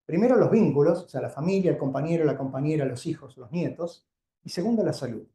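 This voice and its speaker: Speaking in a noticeably echoing indoor lecture hall, an Argentine doctor delivers an informal keynote to a live audience. His voice is higher but dark in tone, and his manner is conversational and instructive, with frequent questions checking that listeners follow.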